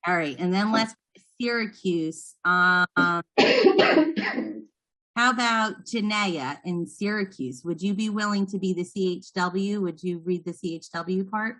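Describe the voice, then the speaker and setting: A woman's voice: fairly low pitch, a little slow, sharp tone. A woman leading a training session, explaining patiently and encouraging the trainees. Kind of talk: instructional talk to trainees.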